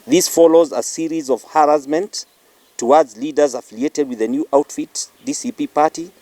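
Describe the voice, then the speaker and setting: A man's voice: a little high, normal speed, mellow, dry recording. Kenyan man reading a firm formal statement, dry sound.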